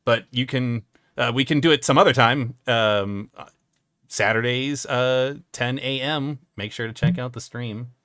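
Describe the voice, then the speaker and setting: A man's voice: mid-range voice, unhurried, a bit bright, no room sound. Dry-sounding man joking on a stream. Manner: joking, laughs often, loose and rambling. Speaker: stream host. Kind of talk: casual chat on a live stream.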